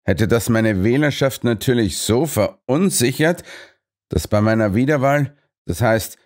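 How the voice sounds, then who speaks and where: A sulky, impatient politician who grumbles and whines through slow, drawn-out lines, as a male narrator puts him on. His voice is a touch raised and lively, in an audiobook reading. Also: mid-range voice, pitched above the performer's own voice, natural voice. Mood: grumbling. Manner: whiny, sulky.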